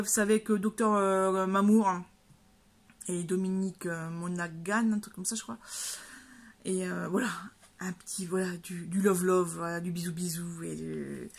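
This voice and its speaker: A woman book vlogger in casual chat at home, rambling with lots of fillers and restarts. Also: mid-range voice. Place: at home, by her bed.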